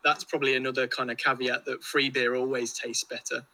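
A man with an English accent and a very bright, forceful voice talks in a loose, casual podcast chat. He rambles through anecdotes in a chatty way, dropping British slang, at a middling pitch. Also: flat delivery, brisk, low-quality recording.

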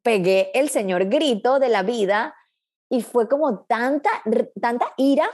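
A woman's voice: on the high side, a little slow, darkish tone. A woman coach, a guest in a casual interview, talking in an earnest, reflective way with frequent restarts.

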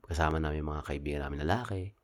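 A man's voice: extremely low pitch, quick pace. A man with a Filipino accent, co-hosting a casual podcast, telling a story in a chatty, teasing way and mixing in English phrases. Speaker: podcast co-host. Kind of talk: casual chat.

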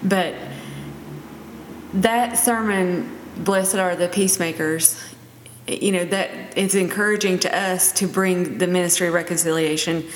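Lowish-voiced woman in an echoey room. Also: steady tone, a little slow. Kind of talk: conversational religious talk. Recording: echoey room, long reverb, faint noise.

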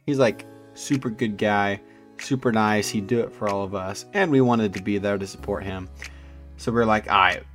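A man's voice: on the low side, normal speed, soft background music. A young man co-hosting a casual podcast, talking in an easygoing, slangy way. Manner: slangy, easygoing, says "bro" and "like" a lot. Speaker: podcast co-host. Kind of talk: casual chat.

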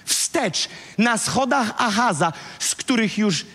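A man preaching a sermon, telling a Bible story in casual slang and acting out its dialogue with lively energy. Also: sits high, takes it slowly, husky, big-room sound. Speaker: pastor.

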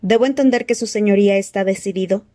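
A cowering, fawning servant man who stammers and squeaks with panic, voiced by a woman. The voice stays mellow and dark underneath, dry and close to the mic, as in a storybook reading. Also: fast talker, dry recording, close to an everyday voice. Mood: timid.

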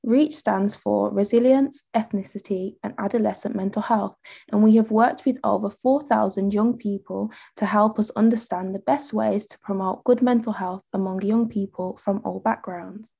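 A woman's voice: medium pitch, steady tone, normal speed, creaky, mellow, husky. A woman reading a scripted podcast introduction as a research study presenter.

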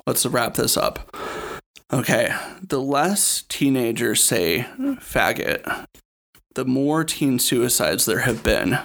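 A man's voice: mid-range voice, lively intonation, slow, creaky, fairly bright tone. A man hosting a casual podcast, asking provocative questions, telling stories and laughing often. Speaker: podcast host.

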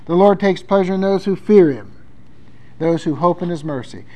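A man's voice: high-pitched, normal speed, a little mellow, poor audio. A male pastor delivering a sermon, talking conversationally and reading scripture aloud with emphasis.

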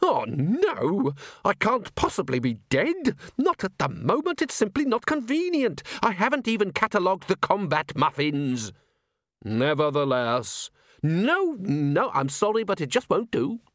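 A man voicing the ghost of a fussy male museum curator with a squeaky, trilling voice and a prim, indignant manner. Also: wildly swooping pitch, measured pace, fairly bright tone, no echo, studio quality, heavily acted.

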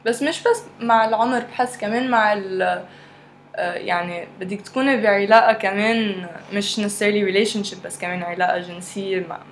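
A woman's voice: medium pitch, steady tone, brisk. A woman with a Lebanese Arabic accent chatting candidly in a group, mixing Arabic with English. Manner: switches between Arabic and English. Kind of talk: candid casual group discussion. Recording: clear background noise.

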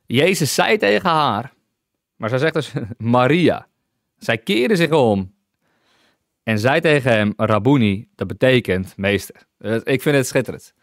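A man's voice: mid-range voice, lively intonation, a little slow, no room sound, clean studio sound. A man teaching through a Bible passage, enthusiastic, often breaking into hallelujah and restarting sentences as he explains scripture. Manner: many restarts while reading and explaining scripture.

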